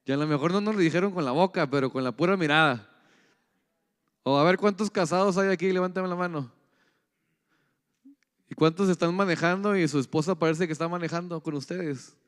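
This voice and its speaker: A man's voice: a little high, brisk, long pauses, smooth. A pastor delivering a conversational sermon, often asking his congregation questions. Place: church hall. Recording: echoey church hall.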